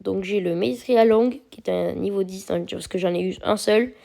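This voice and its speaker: A woman's voice: medium pitch, moderate pace, vocal fry, dark tone. A woman gives casual, chatty gameplay commentary, explaining each step with plenty of fillers. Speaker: mobile game video creator.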